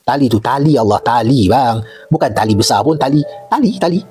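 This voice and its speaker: A man's voice: mid-range voice, animated, fairly quick, warm tone, slightly rough, soft background music. A middle-aged man with a Malaysian Malay accent, a retired army major telling jungle stories in casual chat and repeating points for emphasis.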